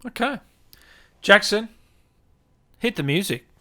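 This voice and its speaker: Bright, mock-outraged podcast man. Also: high voice, animated, slow. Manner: mock-outraged, exaggerated disbelief. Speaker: podcast co-host. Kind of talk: casual comedic banter. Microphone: podcast mic, remote recording.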